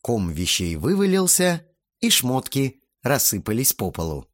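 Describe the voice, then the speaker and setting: A man reading a novel aloud as an audiobook narrator, with lively, expressive delivery. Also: mid-range voice, measured pace. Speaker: audiobook reader. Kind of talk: scripted narration.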